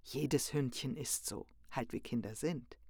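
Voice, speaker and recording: A storyteller reading a children's tale aloud in a lively, expressive manner. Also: medium pitch, a little slow, slightly rough, no room sound, clean studio sound.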